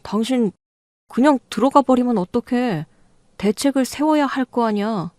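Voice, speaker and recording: A woman's voice: on the high side, moderate pace, darkish tone, no room sound, clean studio sound, voice pushed up, close to an everyday voice. A woman voicing a clueless, defensive husband. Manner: defensive, pleading. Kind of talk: storytelling radio reading.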